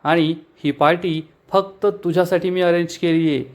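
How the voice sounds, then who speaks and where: A man's voice: on the high side, fairly even intonation, normal speed, natural voice. A man reading out the lines of a scheming woman who hosts a party, in his own narrating voice. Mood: coaxing.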